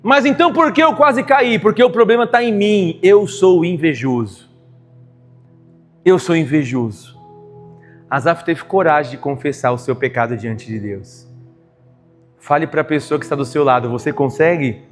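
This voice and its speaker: A man preaching a sermon at a church service, swinging from quiet confession to loud emphatic outbursts. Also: fairly high pitch, unhurried, faint music behind. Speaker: pastor preaching.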